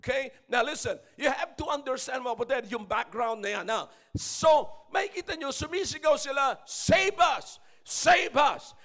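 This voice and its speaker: A man with a Filipino accent preaching a sermon, mixing English into Tagalog and building up to shouts. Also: very high-pitched, expressive, moderate pace, few pauses. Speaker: pastor.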